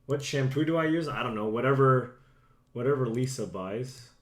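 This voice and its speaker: A man's voice: mid-range voice, moderate pace. A young man chats casually to his viewers while live-streaming a card game from a room at home. He is a little sick and his voice is starting to go. His talk is loose, self-deprecating and aimed straight at his chat. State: slightly sick, losing voice.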